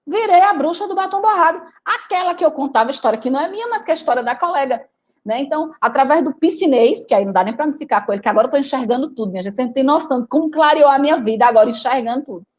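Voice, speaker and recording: A teacher from Recife gives a storytelling talk and speaks straight to her audience. Her voice sits high and swings widely in pitch. She sounds chatty and expressive throughout. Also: racing, muffled recording. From Recife, Brazil. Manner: animated, chatty, addresses audience directly. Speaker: teacher and writer giving a talk. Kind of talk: lively storytelling lecture.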